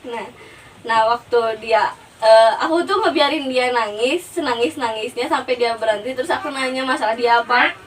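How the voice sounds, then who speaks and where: Young Sundanese-accented woman, high voice, chatty guest who keeps checking in, distant mic with faint hiss. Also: normal speed. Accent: Sundanese-influenced Indonesian. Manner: chatty, keeps asking "ngerti gak?". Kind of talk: casual chat.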